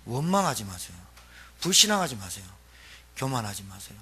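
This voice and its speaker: A man's voice: medium pitch, sing-song, brisk, pushed and bright. A middle-aged male pastor preaching a sermon, emphatic and repetitive, firing questions at the congregation and having them repeat after him.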